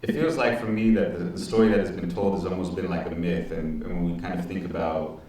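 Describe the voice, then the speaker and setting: Young male panelist, very low flat voice, earnest, distant echoey hall sound. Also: fast, a little hiss or hum. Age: 20s. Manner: earnest, reflective, repeats words while thinking. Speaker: panelist, teaching artist. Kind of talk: panel discussion. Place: large auditorium stage. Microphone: handheld mic.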